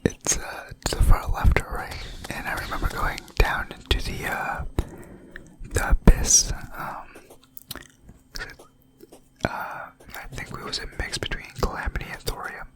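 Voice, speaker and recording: Slow, close-up ASMR gamer whisper. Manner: close, leaning-in whisper into the ears; hesitant, halting, unhurried rambling. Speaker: gaming video creator. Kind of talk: whispered ASMR gameplay rambling.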